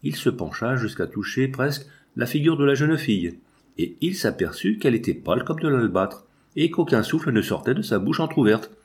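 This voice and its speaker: Male audiobook narrator, measured and even reading of a classic novel. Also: mid-range voice. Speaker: audiobook reader.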